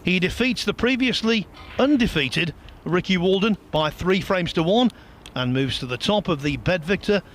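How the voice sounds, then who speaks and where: A man's voice: sits high, animated, moderate pace, few pauses, fairly bright tone. A man giving live commentary on a snooker match. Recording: light background noise.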